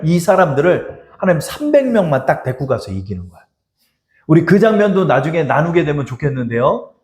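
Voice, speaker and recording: A male pastor preaching in an echoey church sanctuary. His fairly high voice swoops up and down with lively emphasis as he exhorts his congregation and speaks to them directly. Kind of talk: sermon.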